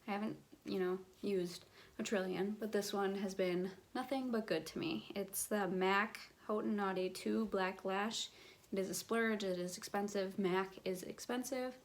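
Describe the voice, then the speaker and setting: A woman's voice: medium pitch, fairly even intonation, moderate pace. A woman talking casually through her favorite makeup and skincare products, chatty and full of fillers. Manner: chatty, filler-heavy, enthusiastic recommending. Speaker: beauty vlogger. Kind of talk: casual product review vlog.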